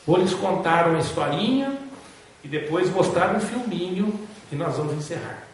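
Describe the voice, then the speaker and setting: In an echoey spiritist center hall, recorded from far off with a little hiss or hum, a man gives a spiritist lecture. His high, expressive voice moves at normal speed as he tells a folksy story and draws listeners in with tag questions.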